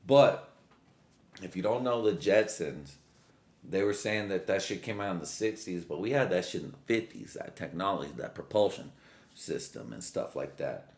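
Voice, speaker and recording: A man's voice: sits low, animated, normal speed, a little mellow. A man in his late twenties on a drunk, loose, rambling casual solo rant, full of slang and swearing. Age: late 20s. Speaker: vlogger.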